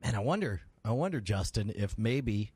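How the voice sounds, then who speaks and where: Man, comedy podcast co-host, goofy rambling, lively pitch, dry sound. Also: moderate pace, slightly rough, no room sound. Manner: goofy, rambling, laughs often. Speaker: podcast co-host playing detective. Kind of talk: improvised comedy banter.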